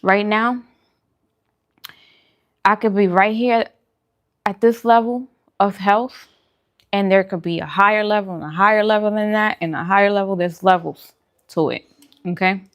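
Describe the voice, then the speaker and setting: Here the recording sounds muffled, and the woman speaks at a medium pitch with fairly even intonation, a moderate pace and long pauses. She is a vegan food vlogger and host, casually and reflectively encouraging viewers during a mukbang chat to camera.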